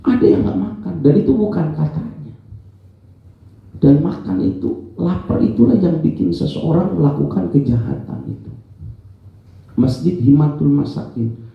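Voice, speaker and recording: A man's voice: fairly high pitch, normal speed, vocal fry, pauses often. A man giving an informal religious lesson in an office prayer room, chatty and storytelling, often quizzing his listeners. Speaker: religious teacher. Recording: echoey, dull lo-fi room sound.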